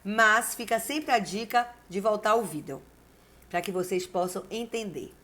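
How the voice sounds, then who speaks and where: A woman, a teacher giving a video lesson, who dictates slowly and repeats key words syllable by syllable while encouraging her class. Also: medium pitch, pushed and bright. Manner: encouraging, addresses the class directly. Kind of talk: video lesson with word exercises.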